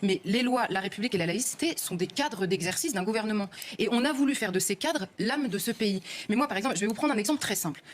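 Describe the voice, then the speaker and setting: A woman's voice: medium pitch, lively intonation, fast talker, few pauses, slight background noise. A woman making an emphatic, argumentative statement.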